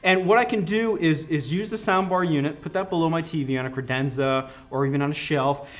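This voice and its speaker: Speaking a little fast in a slightly high voice, a man represents his company and enthusiastically explains a product during a conversational interview. Music plays in the background.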